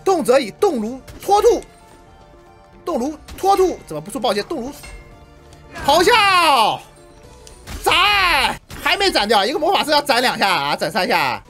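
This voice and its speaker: A woman narrates her own gameplay at full tilt. Her voice leaps high on the battle cries and sinks low when she mutters, so the pitch moves a lot. Faint game music plays underneath. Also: measured pace, long pauses. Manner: excitable, shouts battle cries, laughs at herself. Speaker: gameplay streamer. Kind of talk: live game commentary.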